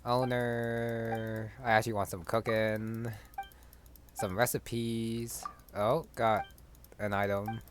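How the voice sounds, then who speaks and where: Game music runs beneath this man's let's-play commentary as he mutters brief thoughts to himself while playing. His voice is on the low side, with a flat delivery and a slow pace.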